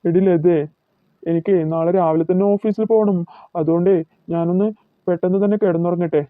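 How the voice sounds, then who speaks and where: Male actor as a cartoon husband and uncle, high-pitched, dry and tinny dub. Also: steady tone, brisk, no room sound, close to an everyday voice. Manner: puzzled musing, talking to himself. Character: adult man, an uncle and husband. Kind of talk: cartoon voice acting. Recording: tinny phone-like dry recording.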